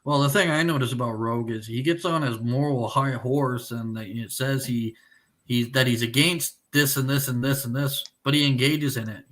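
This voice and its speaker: A man hosting a live stream, chatting casually and bluntly with a guest, swearing often and filling pauses with "uh". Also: mid-range voice, fairly even intonation, a bit bright. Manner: blunt and profane, with frequent filler words. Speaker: livestream show host.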